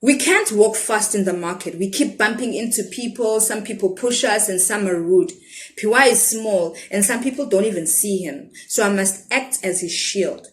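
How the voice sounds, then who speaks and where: Woman storyteller, children's story reading, expressive, talks to the young listeners. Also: mid-range voice. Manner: expressive, asks listeners questions.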